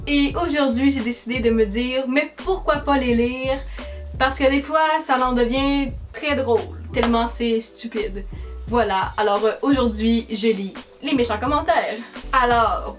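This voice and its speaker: A high-voiced teenage girl with a strong Québécois French accent talks chattily to her camera. She answers comments in a dry, sarcastic way. Faint music plays softly behind her. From Quebec, Canada. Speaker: YouTuber. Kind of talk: casual vlog, reading comments aloud.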